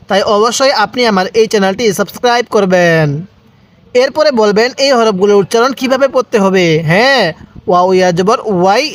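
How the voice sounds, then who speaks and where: A man teaching Quran reading from Bangladesh. He spells out letters and vowel marks, stretches the long syllables, and has the listener repeat after him. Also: sits high. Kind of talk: step-by-step recitation lesson.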